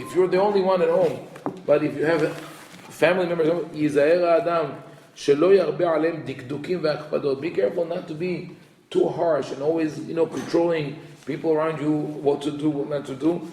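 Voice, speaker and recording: A man's voice: a little high, steady tone, darkish tone. A man, a rabbi, giving an informal Torah lesson, talking conversationally with many restarts and quoting Hebrew texts before translating them. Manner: conversational, restarts often, reads Hebrew quotes quickly then translates. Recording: echoey room.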